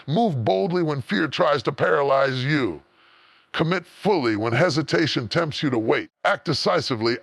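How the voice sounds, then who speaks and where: A man's voice: on the high side, vocal fry, a bit bright, no room sound. A man delivering a motivational speech, emphatic and rhythmic, building repeated phrases to sudden roaring peaks.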